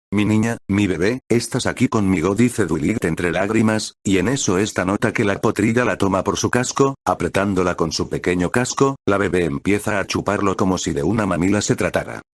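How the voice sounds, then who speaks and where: A man reading a fan fiction story aloud as narrator in a plain, steady storytelling manner. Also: low voice, dry recording, studio quality.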